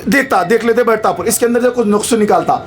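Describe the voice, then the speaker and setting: A man with a Hyderabadi accent giving a fervent, repetitive campaign rally speech, often shouting. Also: high voice, fast talker, a crowd in the background. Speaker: political campaign speaker.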